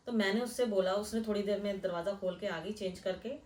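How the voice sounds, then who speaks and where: A woman's voice: medium pitch, brisk, darkish tone, far from the mic, a little hiss or hum. Woman telling a true scary story in an echoey room. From Delhi, India. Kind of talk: first-person recounting of a real incident. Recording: echoey room, voice a bit off-mic.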